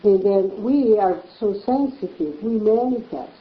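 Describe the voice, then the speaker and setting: A woman's voice: mid-range voice, lively intonation, a little slow. A woman talks over a casual chat in an echoey room. She explains earnestly and circles back with repeated phrases. The sound is dull and lo-fi. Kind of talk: casual conversation.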